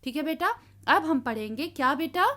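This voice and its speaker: A woman's voice: high-pitched, expressive, moderate pace, bright, forceful tone. A woman teacher giving an online class to children, fondly asking questions and answering them herself. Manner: calls the children "beta" fondly.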